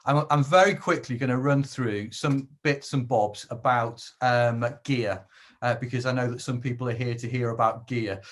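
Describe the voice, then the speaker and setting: A man's voice: medium pitch, fairly even intonation, moderate pace. A man giving an informal webinar talk on video gear, chatty with dry jokey asides, over a video call. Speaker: webinar presenter.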